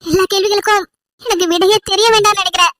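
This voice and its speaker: A woman's voice: extremely high pitch, steady tone, rapid-fire, fairly bright tone. A woman voicing a distressed young woman in a cartoon story, pleading and breaking into tearful outbursts. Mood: despairing. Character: distressed young woman Vennila, anguished and defiant.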